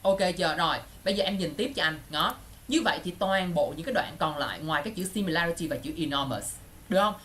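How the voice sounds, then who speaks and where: Lively male teacher. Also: a little high. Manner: keeps checking students follow with quick questions. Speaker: English exam teacher. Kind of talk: lively online class teaching.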